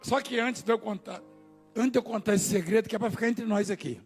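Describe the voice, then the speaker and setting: Raspy, gravelly Brazilian preacher man, very high. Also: a little fast, soft background music. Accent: Brazilian Portuguese. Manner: jokes with the congregation, swings from low asides to shouting. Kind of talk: live church sermon. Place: large church hall.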